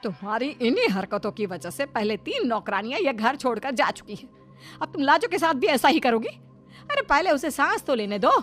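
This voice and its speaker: A woman's voice: high-pitched, sing-song, normal speed, sharp tone, soft background music, exaggerated voice. A woman doing a scolding mother-in-law. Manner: scolding, exasperated. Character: scolding older mother-in-law, sharp-tongued.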